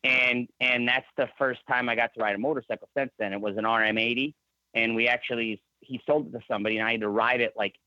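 Talking fast with a bright, forceful tone and fairly even intonation, this medium-pitched man in his thirties rambles through his story, restarting often. He has a Michigan accent and is a guest in a casual interview, captured on a lo-fi recording without echo.

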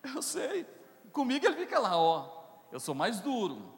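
A pastor preaches in a church hall, his voice ringing with a long reverb. His pitch leaps and falls with great animation, and he speaks slowly and deliberately. He shifts between playful asides to the congregation and loud, rising declarations. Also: huge pitch swings, slight background noise. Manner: preaching with big swings between soft asides and loud shouted peaks. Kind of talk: sermon with call-and-response.

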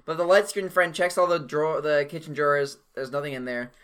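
Bright-voiced man joking through a movie recap. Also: a little high, steady tone, brisk, clear, resonant tone. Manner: profane, joking, laughs often. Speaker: podcast co-host. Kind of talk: casual movie recap chat.

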